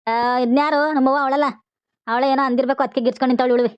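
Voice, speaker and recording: A woman's voice: high voice, fairly even intonation, clean tone, no room sound, natural voice. A woman voicing a village father in a cartoon, coaxing his crying daughter. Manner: coaxing, fast-talking. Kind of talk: animated cartoon voice acting. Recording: dull, lo-fi dry recording.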